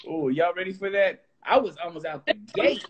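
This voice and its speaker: A man's voice: sits high, animated, normal speed, breathy edge, dull audio. A man, hosting a casual interview and talking loosely, often repeating words as he starts. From Texas. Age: 30s. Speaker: host.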